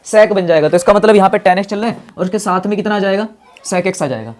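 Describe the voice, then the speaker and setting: Fast-talking male maths teacher. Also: sits high. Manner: asks questions aloud and answers them himself; calls students brother in a friendly way. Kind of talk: classroom maths lesson.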